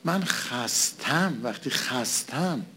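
A man's voice: mid-range voice, lively intonation, sharp tone, slight background noise. A man preaching a conversational sermon, asking and answering his own questions and repeating phrases for emphasis.

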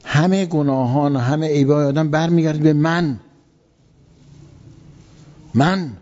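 Long hall reverb and a dull lo-fi sound surround a preacher whose voice is on the high side and darkish. He retells an old story vividly in everyday language, repeating words for emphasis throughout his colloquial religious lecture.

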